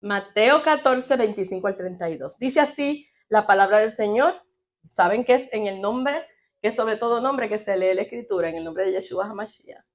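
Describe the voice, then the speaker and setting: A woman preaching a sermon in an animated way, often asking her congregation questions. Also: mid-range voice, normal speed, highs cut off. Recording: audio of a sermon.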